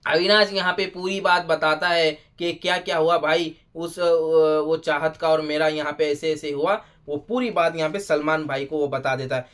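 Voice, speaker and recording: A man's voice: a little high, steady tone, moderate pace, few pauses, a bit bright. A man giving casual review commentary on a TV show, chatty and exclaiming often, with many fillers.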